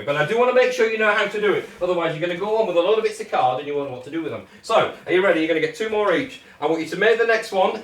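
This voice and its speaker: A British kids' party magician giving step-by-step instructions to children in encouraging, jokey patter, often checking with short questions. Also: mid-range voice. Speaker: children's party magician leading a craft activity. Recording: echoey room, distant microphone.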